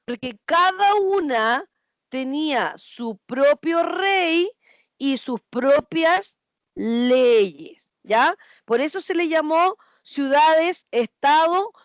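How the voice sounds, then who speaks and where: Woman teacher taking her class slow, high voice, dry close sound, keeps asking the kids questions. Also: animated, no echo. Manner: slow, repeats students' answers and checks with "¿cierto?". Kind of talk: online class, questioning students.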